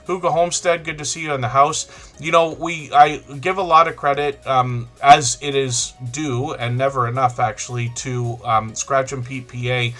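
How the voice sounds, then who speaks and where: A middle-aged man hosts a live stream in a casual, rambling way, greeting viewers one by one. His voice is bright and forward. Soft music plays faintly behind him. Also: mid-range voice, fairly even intonation, moderate pace. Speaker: livestream host.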